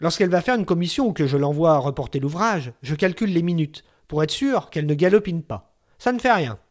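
A man putting on a gruff, bossy old woman. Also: a little high, expressive, fairly quick, lightly acted. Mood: grumbling. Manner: brusque, bossy and fussing.

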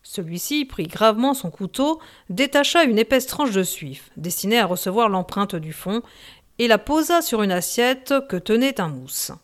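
A female audiobook narrator reads a novel in a measured, expressive way, her voice sitting in the mid-range.

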